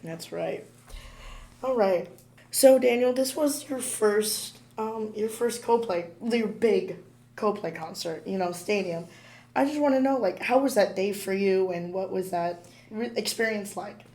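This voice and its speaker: A woman co-hosting a podcast, chatting casually in a hoarse, squeaky voice, with giggles, fillers and restarts. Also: measured pace, mellow. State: hoarse, squeaky from dust allergy. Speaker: podcast co-host. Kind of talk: casual chat.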